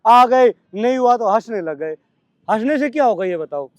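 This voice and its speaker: A male coach with a Delhi Hindi accent calling brisk commands and scolding his trainees at practice. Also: very high voice, animated, no room sound.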